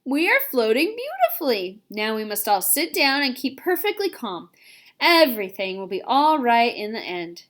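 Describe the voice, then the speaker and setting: A kindly old grasshopper gentleman, as a woman reads him aloud. He speaks courteously and reassuringly in a raised voice, keeping his companions calm. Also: a little high, normal speed.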